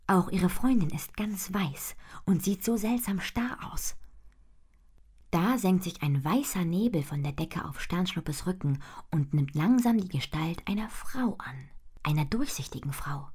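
A woman reading a children's fairy story aloud in a hushed, half-whispered storytelling manner. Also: on the low side, expressive, measured pace, slightly rough. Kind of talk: children's audiobook narration.

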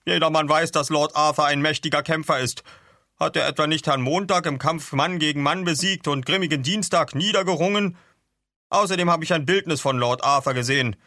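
A man's voice: a little high, a little fast, bright, forceful tone, no echo, studio quality, pitched above the performer's own voice. A man reading aloud and voicing a jovial, scheming male ship's officer who chuckles and snaps. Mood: scornful. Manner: chuckling, snappish.

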